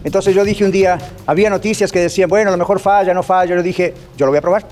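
A man's voice: high-pitched, fairly even intonation, fast, darkish tone, soft background music. A man giving a conversational radio sermon, telling stories and playfully acting out little voices, with English phrases mixed in. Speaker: radio preacher.

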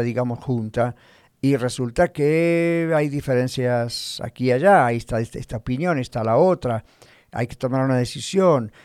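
A man delivers a sermon in a measured teaching voice, pausing to pose rhetorical questions to the congregation. His pitch sits in an ordinary middle register. The sound is dry and close, with no room echo. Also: a little mellow. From Spanish-speaking, living in the United States. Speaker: pastor.

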